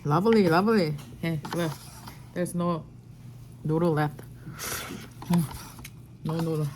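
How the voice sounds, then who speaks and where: Casting: woman mukbang host, lower-pitched voice, brief casual remarks between noisy mouthfuls, background noise. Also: measured pace, a little mellow. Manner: speaks in short, fragmentary remarks. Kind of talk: mukbang, casual chat while eating.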